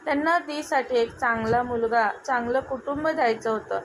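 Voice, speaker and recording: A woman voicing a frightened young bride of twenty, speaking softly and hesitantly. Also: on the high side, normal speed, natural voice, low-quality recording. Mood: fearful. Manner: soft, hesitant. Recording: noticeable background noise.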